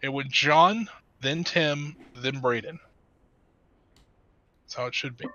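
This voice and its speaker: Bright-voiced man on muffled voice chat. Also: medium pitch, slow pace, dry recording. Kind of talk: casual race control chatter. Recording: dry, dull lo-fi voice chat.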